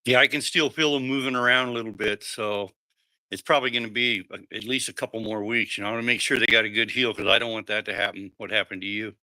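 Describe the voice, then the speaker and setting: Casting: easygoing man, very bright sharp tone, close and dry. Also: on the low side, fairly even intonation, fast talker, dry recording. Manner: easygoing, chatty.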